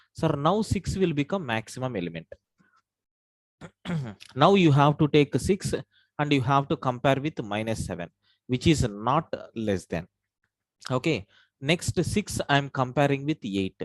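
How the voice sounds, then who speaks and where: Over poor audio from his own computer mic, a man teaches an online programming class in a mid-range voice. He goes through each step and keeps addressing his listeners as "sir."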